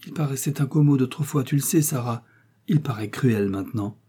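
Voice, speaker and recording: A man voicing a timid, frightened older husband who speaks meekly and in a hushed voice. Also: medium pitch, brisk, breathy edge, natural voice. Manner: meek and hushed, pleading.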